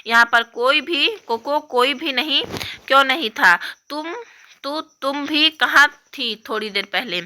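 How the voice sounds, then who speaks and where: A woman's voice: high voice, measured pace, bright, forceful tone, voice pushed up, exaggerated voice. A woman voicing a sulky young girl who stammers through her tears. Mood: tearful. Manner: tearful, stammering.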